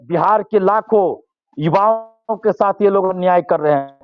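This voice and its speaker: A man's voice: high-pitched, unhurried, no room sound, phone-quality sound. A male student leader, giving impassioned interview answers and repeating phrases for force.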